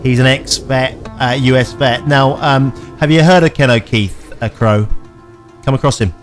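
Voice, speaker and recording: A man from England hosting a radio interview, chatty and halting, often restarting his words. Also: mid-range voice, fairly even intonation, faint music behind. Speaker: radio show host. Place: radio station.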